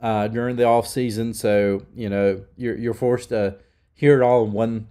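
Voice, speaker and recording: Here a middle-aged channel host offers an opinion rant in a warm, lowish voice at normal speed and with a steady tone. Even so, he's heated and emphatic, and his voice is nasal because he's unwell.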